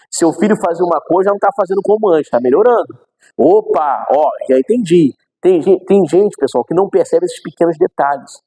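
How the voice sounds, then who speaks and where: Male pastor, lively sermon delivery, mellow husky tone. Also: on the high side, rough recording. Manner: animated, acts out quoted voices, asks the audience questions. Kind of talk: sermon teaching.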